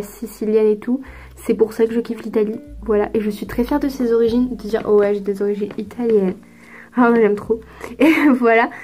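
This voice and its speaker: A woman's voice: fairly high pitch, warm tone. A teenage girl from France answering viewer questions in a casual vlog, chatty and hesitant with lots of fillers. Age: teens. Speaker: youtuber.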